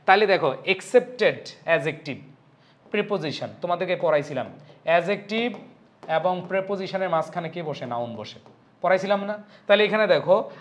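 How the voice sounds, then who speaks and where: A young man with a Bangladeshi accent and a fairly high voice runs an online exam-prep English lesson. He keeps asking the students questions, then answers them himself with firm emphasis. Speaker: English teacher.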